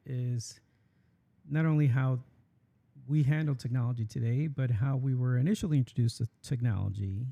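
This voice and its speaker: A man's voice: medium pitch, gravelly, warm tone. A man hosting a campus podcast, introducing guests in a friendly way with fillers. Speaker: podcast host. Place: campus studio.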